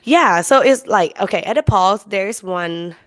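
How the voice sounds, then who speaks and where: A woman's voice: mid-range voice, expressive, measured pace, no echo, clean studio sound. A young woman from Thailand, co-hosting a podcast in casual chat, chatty and laughing often. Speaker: podcast co-host.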